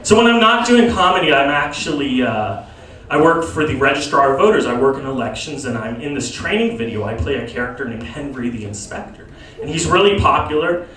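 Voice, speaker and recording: A man in his thirties doing a stand-up comedy set, with deadpan asides and sudden high-pitched voices when he quotes people. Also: a little fast, a little hiss or hum. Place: comedy lounge. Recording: very echoey room, from far off. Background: audience laughter.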